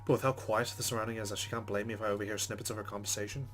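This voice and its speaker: A man's voice: on the low side, little pitch movement, very fast, a bit bright, faint music behind. A man hosting a game playthrough, reading the story text aloud with casual asides. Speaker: let's play host.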